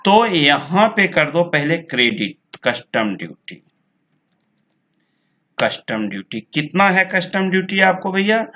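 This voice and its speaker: Bright-voiced male accounting tutor, slow and repetitive. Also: a little high. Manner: slow, repetitive explaining, reads figures out twice. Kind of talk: screen-recorded software tutorial.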